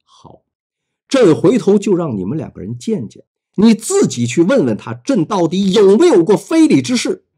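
Guy doing a bossy angry emperor, loud and high, barks orders in a storybook read. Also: wildly swooping pitch, moderate pace, slightly rough, full character voice. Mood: stern. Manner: commanding, scolding. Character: enraged imperious male emperor, middle-aged.

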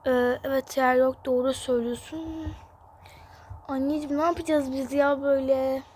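A woman's voice: high-pitched, steady tone, normal speed, a little mellow, a little hiss or hum, lightly acted. A woman voicing a patient, soothing mother in a game role-play, coaxing her child.

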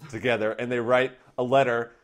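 A man's voice: mid-range voice, level tone, a little fast. A man hosting a podcast who recaps a movie in casual, rambling chat full of fillers. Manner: rambling, loose storytelling with many fillers. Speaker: podcast host.

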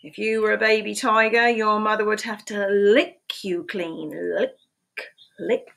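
In a creaky, mid-range voice that's a bit bright, a woman in her sixties reads a picture book aloud to young children at a measured pace. Her intonation is fairly even, though her storytelling is sing-song, and she asks the children questions. A desk webcam records her in a small room at home.

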